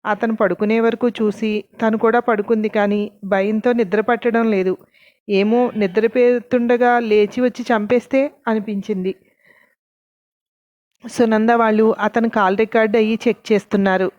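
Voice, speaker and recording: A woman's voice: a little high, fairly even intonation, moderate pace, a little mellow, no echo, lo-fi sound. Woman narrating a story, dry and close.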